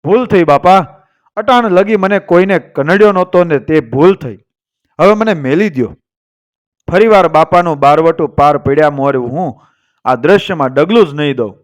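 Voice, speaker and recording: A man's voice: fairly high pitch, expressive, normal speed, close to an everyday voice. A man voicing a frightened eighteen-year-old male farmer who pleads for his life. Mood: pleading.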